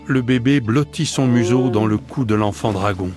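A man reading a storybook aloud in steady, dramatic audiobook narration. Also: medium pitch, moderate pace, over music.

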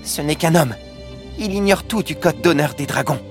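A man's voice: a little high, moderate pace, over music, voice pushed up, natural voice. Man voicing a fierce, proud dragon boy. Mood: stern. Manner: fierce, stern.

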